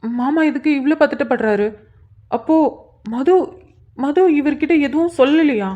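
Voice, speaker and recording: A woman's voice: high-pitched, darkish tone, lightly acted. A woman voicing a curious, probing young man in a storybook cartoon, often thinking aloud. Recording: dull lo-fi sound.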